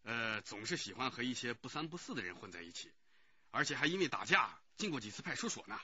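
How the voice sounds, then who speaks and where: A man acts in a Chinese radio drama as a chatty, eager-to-help neighbourhood committee director, husky and exaggerated in voice. He's very animated and quick, medium-pitched with a sharp tone, gossiping and explaining effusively through hesitations and frequent interjections. The recording has no echo but sounds dull and muffled.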